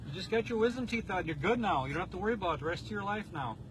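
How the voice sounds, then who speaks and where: A woman's voice: mid-range voice, animated, racing, background noise. A woman talking in a soothing, reassuring way.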